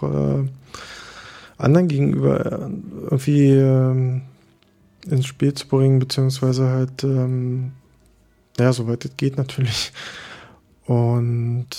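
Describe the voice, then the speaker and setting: A man in his thirties from Berlin, Germany, who co-owns a bar, gives reflective interview answers in a low, gravelly, mellow voice. His pitch stays fairly flat and steady, and he's hesitant, often restarting phrases and using many fillers.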